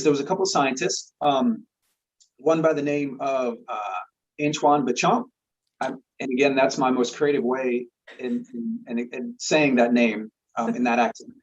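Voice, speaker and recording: A man's voice: medium pitch, a little mellow. A man explaining a topic earnestly in casual conversation. He often repeats words and checks in with "right?". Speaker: guest expert. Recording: slightly dull lo-fi sound.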